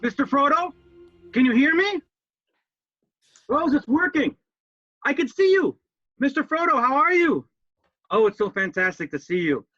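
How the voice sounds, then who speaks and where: A comedian playing a cheerful, earnest male hobbit gardener with a gravelly voice, chatting as if over a video call. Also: extremely high pitch, big pitch swings, normal speed, long pauses, sharp tone, faint music behind, full character voice. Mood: excited. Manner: earnest, folksy, talking to a friend on a video call. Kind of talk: cosplay stand-up character bit. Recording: dull lo-fi dry sound.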